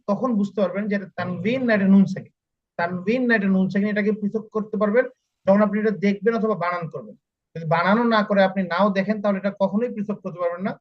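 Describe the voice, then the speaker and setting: A man with a fairly high voice teaches an online Quran reading class. He spells out each letter and repeats every sound slowly and patiently for his students. His voice comes through as a dull, muffled call recording. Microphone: online call audio.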